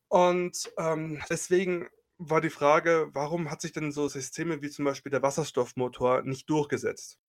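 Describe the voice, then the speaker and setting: A man's voice: a little high, fairly even intonation, normal speed, few pauses. A man in his late thirties from Germany, co-hosting a casual podcast chat and talking with many fillers and restarts. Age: late 30s. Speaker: podcast co-host.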